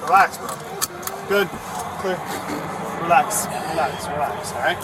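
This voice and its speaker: A male police officer giving firm, repeated commands during an arrest, trying to calm someone down. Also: fairly high pitch, unhurried. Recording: very noisy field capture with vehicle sounds.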